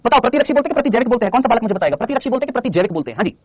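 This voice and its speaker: Animated, rapid-fire male teacher. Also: very high-pitched, dry recording. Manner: chatty, teasing, addresses students as brother and child. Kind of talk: live online class lecture.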